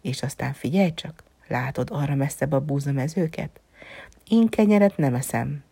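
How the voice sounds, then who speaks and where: A soft, wistful fox , as a woman reads him aloud murmurs in a low, breathy voice that slips into whispers. The storybook reading is close and dry, with no room sound. He speaks gently and thoughtfully. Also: dry recording, heavily acted. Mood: musing. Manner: soft, musing, often dropping to a whisper. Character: gentle wistful male fox, lonely and wise.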